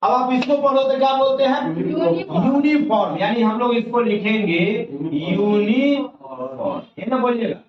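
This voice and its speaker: Folksy teacher in an echoey classroom. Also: male voice, very high voice, brisk, crowd noise. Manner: explains step by step, asks questions and answers them himself; folksy, colloquial teaching style. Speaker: English grammar teacher. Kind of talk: classroom lecture. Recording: echoey, distant, dull lo-fi classroom recording.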